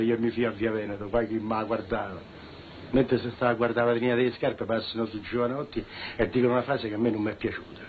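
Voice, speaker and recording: A man's voice: medium pitch, phone-quality sound, slight background noise, lightly acted. An actor with a Roman accent playing a boastful, menacing father who threatens his daughter's suitor. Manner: boastful, menacing, shouting at times. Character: blustering Roman father, proud, threatening tough guy. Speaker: actor in a film scene.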